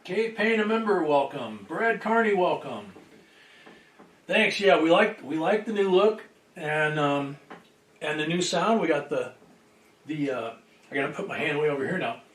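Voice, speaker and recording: Higher-voiced man livestreaming, distant from the mic. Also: lively intonation, measured pace, fairly bright tone. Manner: distant from the microphone. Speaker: livestream host. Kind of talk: casual livestream chat, greeting viewers. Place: indoors at a table. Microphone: boom microphone. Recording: roomy echo, distant microphone.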